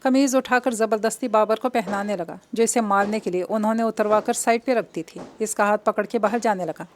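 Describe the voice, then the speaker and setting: A woman reading an audio novel in an even, measured storytelling voice. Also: mid-range voice, slight background noise. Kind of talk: scripted narration of an audio novel.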